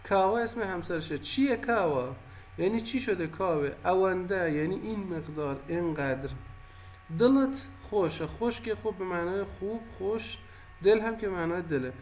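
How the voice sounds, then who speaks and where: Man, language teacher, high-pitched, patient, repeats phrases, light background hiss. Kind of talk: explanatory lesson narration.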